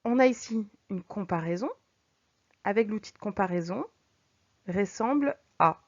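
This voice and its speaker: A woman teacher explaining figures of speech to her students, patient, reading examples slowly and clearly. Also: mid-range voice, animated. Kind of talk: recorded French lesson. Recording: dull lo-fi recording.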